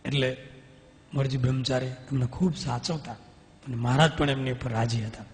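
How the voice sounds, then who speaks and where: A man, a swami telling devotional stories in an animated way and acting out the dialogue. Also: mid-range voice, moderate pace. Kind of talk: devotional storytelling sermon. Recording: long hall reverb.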